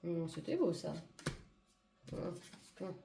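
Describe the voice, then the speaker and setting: A woman doing a casual, improvised card reading for viewers, hesitant and searching for words, her hoarse voice giving out. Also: on the low side, huge pitch swings, takes it slowly. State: hoarse voice giving out, clearing throat. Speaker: tarot and oracle card reader. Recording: echoey room with clear background noise.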